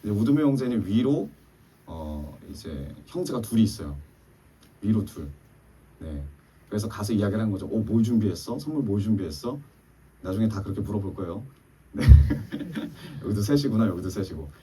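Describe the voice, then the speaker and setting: A man's voice: fairly low pitch, animated, moderate pace, warm tone, husky, far from the mic. A man preaching a sermon as pastor, telling a story and acting out the dialogue in it. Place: church sanctuary.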